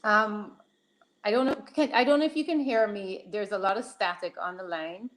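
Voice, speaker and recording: A woman's voice: mid-range voice, moderate pace, fairly bright tone. A woman surgeon calling in over a crackly, static-filled phone line, answering hesitantly with many ums and restarts. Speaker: guest general surgeon. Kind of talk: call-in interview answers.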